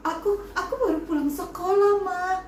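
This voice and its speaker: A woman's voice: very high voice, steady tone, normal speed, roomy sound, distant mic, slight background noise, voice pushed up. A woman voicing a timid young eel child who pleads and whimpers in a storybook tale. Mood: pleading.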